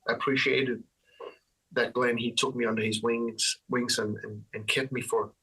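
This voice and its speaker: Danish-accented man, bright husky voice. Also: medium pitch, unhurried, far from the mic, rough recording. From Denmark. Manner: relaxed, rambling, frequent restarts and fillers. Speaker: guitarist guest. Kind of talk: casual interview chat.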